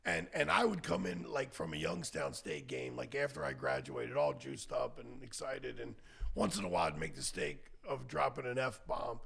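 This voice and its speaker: A man hosting a podcast who tells stories in a casual chat and acts out quotes loudly. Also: medium pitch, expressive, normal speed. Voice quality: gravelly, husky voice. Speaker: podcast host and bar owner.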